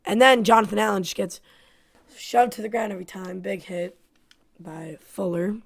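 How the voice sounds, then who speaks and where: A woman's voice: medium pitch, normal speed. A woman giving play-by-play commentary on her own football video game, frustrated and self-critical. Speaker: gaming YouTuber.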